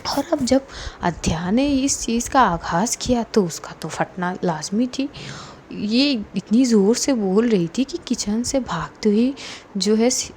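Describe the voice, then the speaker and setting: Woman narrating a love story, chatty and easygoing, a bit high, soft mellow tone. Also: expressive, unhurried, a little hiss or hum. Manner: conversational retelling with fillers.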